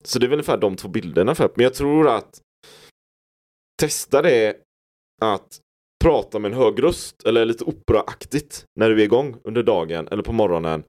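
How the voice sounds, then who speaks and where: A man's voice: lowish voice, animated, a little mellow. A man hosting a podcast, telling stories and musing in a rambling, reflective way. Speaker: podcast host. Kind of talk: casual podcast conversation.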